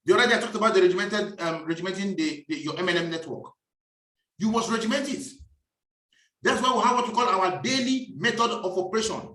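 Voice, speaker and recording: Emphatic man, high and bright. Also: lively intonation, fast talker, far from the mic. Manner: preachy, emphatic, repeats key phrases. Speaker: business speaker. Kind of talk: motivational business talk. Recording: echoey room, voice off-mic.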